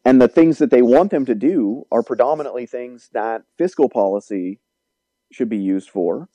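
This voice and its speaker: A man, an economics professor, explaining policy in a measured, lecturing way during an interview. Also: medium pitch, dark tone, no room sound, low-quality recording.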